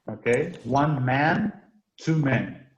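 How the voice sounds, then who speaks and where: A man teaches an online English class over a video call, patiently explaining grammar and drilling his students' pronunciation. His voice is medium-pitched and very slow. The audio is roomy and dull, with faint noise.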